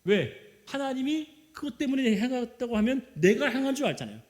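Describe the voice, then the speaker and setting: A man preaching in a church sanctuary, asking his congregation one question after another and drawing answers from them. His voice sits high and leaps around in pitch. He rises to loud exclamations, then drops to quiet, low remarks. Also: brisk. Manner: animated preaching, rhetorical questions, call-and-response with the congregation. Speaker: pastor. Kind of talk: sermon.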